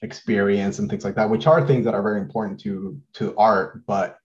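A Mexican man in his thirties, a guest artist, chats casually in an interview over a video call. His fairly low voice comes through dull audio, and he sounds relaxed but halting, full of fillers and restarts.

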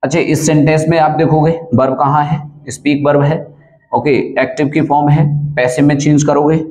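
A man's voice: a little high, level tone, moderate pace, darkish tone, soft background music, rough recording. A man teaching an English grammar lesson, explaining step by step and often asking checking questions.

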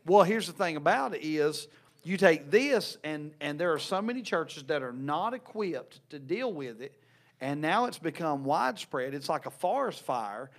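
A man in his thirties talks in an earnest, casual way, often restarting his sentences. He sits at a table in a small church room, speaking into a desk microphone, and his voice sits a bit high for a man. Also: big pitch swings, moderate pace. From North Carolina, USA. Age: 30s. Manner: earnest, repeats words as he restarts. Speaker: youth pastor and podcast co-host. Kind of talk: casual chat. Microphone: desk mic on a stand.

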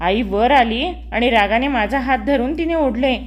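Brief: woman audiobook narrator, high-pitched, expressive first-person storytelling. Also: moderate pace.

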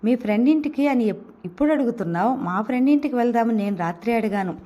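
A woman's voice: fairly high pitch, lively intonation, fast talker, mellow, lightly acted. A woman voicing a sarcastic, teasing young man who needles his younger cousin in an audio novel. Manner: mocking, sarcastic retorts.

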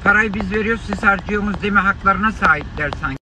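A man live-streaming an indignant, scolding rant at his viewers from inside a car, his voice hoarse from shouting. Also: sits high, quick pace, poor audio. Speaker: livestreamer. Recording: loud car and street noise.

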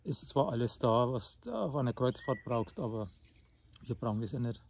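A man in his forties sits outside by a lake in the evening, speaking plainly and calmly into a phone held at arm's length. His voice is of middling pitch. Faint outdoor sound is heard behind him. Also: moderate pace, creaky, background noise. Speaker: vlogger, co-host. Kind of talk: casual travel vlog chat.

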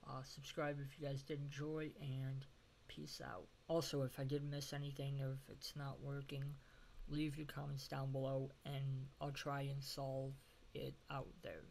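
Casting: male tutorial host, congested broken-nose sound, little pitch movement, informal and halting, faint noise on a home recording. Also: completely flat delivery, vocal fry, a little mellow. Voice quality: nasal, congested as after nose surgery. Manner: hesitant, informal explaining. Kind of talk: casual screen-recorded tech tutorial. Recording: noisy home screen recording.

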